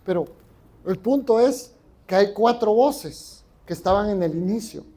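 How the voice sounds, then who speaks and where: A man's voice: high-pitched, animated, unhurried, mellow. A Mexican man preaching a sermon as pastor in a church, often asking the congregation questions. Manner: conversational, asks the congregation questions.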